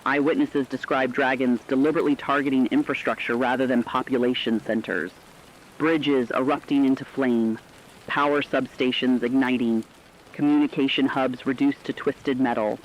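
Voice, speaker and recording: The clip is a scripted breaking news piece in which a man, cast as a serious radio correspondent, reports urgently and dramatically on a disaster. His mid-range delivery is lightly acted, with fairly even intonation and a moderate pace, heard through muffled lo-fi radio sound.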